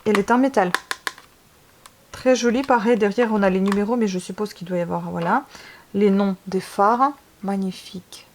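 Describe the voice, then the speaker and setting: A woman's voice: medium pitch, normal speed, a little mellow, slight background noise. Gushing woman unboxing makeup. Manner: gushing, enthusiastic, lots of hesitations. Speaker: beauty vlogger. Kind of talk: casual unboxing vlog.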